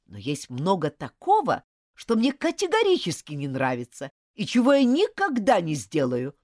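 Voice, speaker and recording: A woman's voice: fairly low pitch, wildly swooping pitch, normal speed, a little mellow, no echo, clean studio sound, voice pushed up. Woman playing a hot-tempered scornful schoolboy. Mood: threatening. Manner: indignant, clipped, scornful. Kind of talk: audiobook reading.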